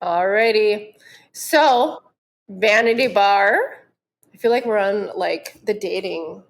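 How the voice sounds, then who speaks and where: A woman's voice: mid-range voice, takes it slowly, vocal fry. A woman co-hosting a podcast, introducing guests in a playful, teasing way. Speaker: podcast co-host.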